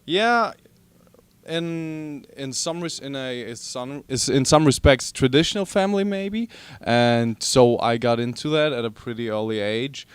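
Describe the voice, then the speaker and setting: A young man from Germany, a bassist, speaking hesitantly in an interview, often restarting and searching for words, English not his first language. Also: animated, measured pace, smooth, dry recording. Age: young adult. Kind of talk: casual interview.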